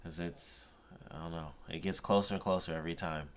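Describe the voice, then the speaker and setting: A man who sounds high, rambling casually in a dazed, drifting stoner manner as he vlogs and trails off. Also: steady tone, a little fast. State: high, intoxicated. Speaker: vlogger. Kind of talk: rambling casual unboxing vlog.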